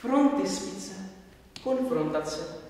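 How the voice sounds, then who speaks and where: A pompous professor holds forth in a declamatory lecture, played by a man on stage. His voice sits slightly high and swings from hushed to booming. The recording is distant and roomy, with a long stage reverb. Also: expressive, a little hiss or hum. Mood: insistent. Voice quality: theatrical, declamatory, swinging between whisper-soft and loud. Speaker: stage actor. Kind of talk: live theatre performance. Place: theatre stage. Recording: echoey stage recorded from far off.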